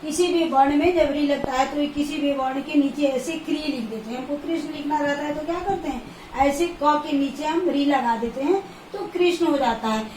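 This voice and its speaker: A woman teacher giving a slow grammar lesson, repeating and counting points aloud. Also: sits high, a little mellow, distant mic, slight background noise. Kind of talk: classroom lesson. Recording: echoey room, voice from off the mic.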